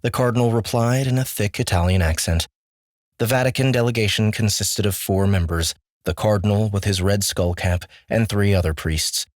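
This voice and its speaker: A man reading an audiobook in a measured, steady manner. His voice sits low and deep, recorded close and dry with no room sound. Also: dry recording. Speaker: audiobook narrator. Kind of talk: scripted narration.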